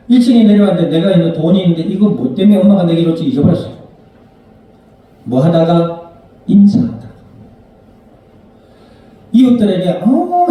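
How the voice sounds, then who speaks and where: Male pastor, a bit high-pitched, mellow tone. Chatty sermon style, asks the room questions. Far-off mic in a very reverberant church. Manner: conversational preaching, asking the congregation questions and acting out little scenes. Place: church sanctuary. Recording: very echoey church hall, mic at a distance.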